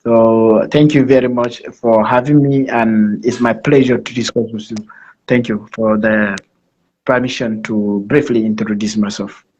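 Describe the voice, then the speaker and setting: A Nigerian man with a Nigerian accent speaks formally as a guest presenter on a live online talk, using emphatic repetition to explain things. His voice is lowish, flat, a little slow, and darkish, heard through dull, lo-fi online call audio.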